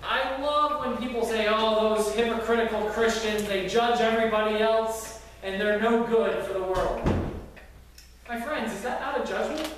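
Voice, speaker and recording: Recorded from a distant camera at the back of a church, a pastor earnestly tells a story during his sermon, using some fillers, before his congregation. His high-pitched, somewhat bright voice moves at a normal pace, and the audio is very echoey with a little hiss or hum.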